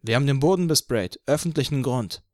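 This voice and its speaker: Man voicing young male activist, firm, lightly mocking, calm, dry close audiobook sound. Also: mid-range voice, brisk, dry recording, voice pushed up, close to an everyday voice.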